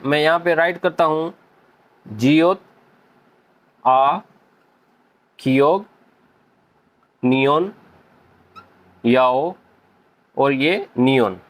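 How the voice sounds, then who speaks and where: A man hosts a casual video lesson on Korean pronunciation, addressing viewers as friends and slowly spelling out sounds. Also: high-pitched. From Pakistan. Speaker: Korean language teacher, channel host.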